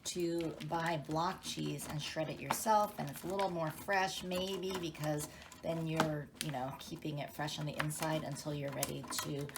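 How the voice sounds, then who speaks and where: A woman giving a casual cooking demonstration in her home kitchen, explaining each step in an unhurried way with plenty of fillers. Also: deep voice, fairly even intonation, vocal fry, background noise. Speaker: home cook demonstrating a recipe.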